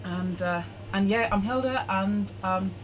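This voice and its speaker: Slow-spoken woman reading poetry. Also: mid-range voice, crowd noise. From Norway. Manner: reads her poem from a phone, measured and deliberate. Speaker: performing poet. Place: bar hosting a poetry night. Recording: noisy live venue recording.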